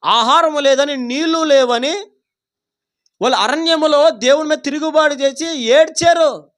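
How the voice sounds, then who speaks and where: Very high-voiced fervent male preacher. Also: unhurried, fairly bright tone. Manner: fervent preaching with rhetorical questions to the congregation; acts out quoted pleas dramatically. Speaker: pastor. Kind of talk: Sunday worship sermon. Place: church service.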